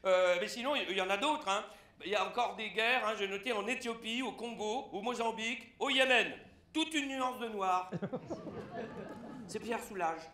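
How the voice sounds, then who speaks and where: A man with a very high voice delivers a satirical press review on stage, animated and punctuated with shouts. His voice echoes through the theatre, over a clear background noise. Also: moderate pace. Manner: animated, breaks into shouted punchlines. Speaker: stand-up satirist.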